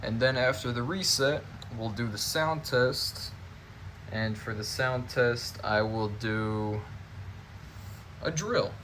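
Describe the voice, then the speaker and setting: A man's voice: mid-range voice, slow pace, a bit bright, a little hiss or hum. A man giving a casual hands-on demonstration, narrating each step informally as he goes. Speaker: fire alarm hobbyist demonstrator.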